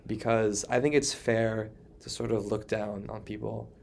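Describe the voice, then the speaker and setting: A young man speaks in a low, gravelly voice with lots of vocal fry, asking questions in a friendly, casual way. A faint hiss of background noise runs under him. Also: level tone, measured pace, darkish tone. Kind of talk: casual conversation.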